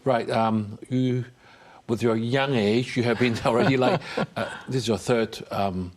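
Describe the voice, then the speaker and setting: A man's voice: mid-range voice, fairly even intonation, unhurried. A man hosting a TV news interview, reading a scripted introduction and then asking questions with some hesitant fillers. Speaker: TV interview host.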